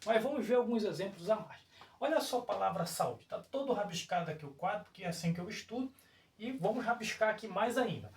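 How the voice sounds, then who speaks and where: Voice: medium pitch, lively intonation, brisk. Brazilian teacher doing a whiteboard lesson, voice bouncing up and down, kinda far from the mic. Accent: Brazilian Portuguese. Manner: explains step by step, keeps checking in with the viewers. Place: room with a whiteboard. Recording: roomy echo, voice far from mic.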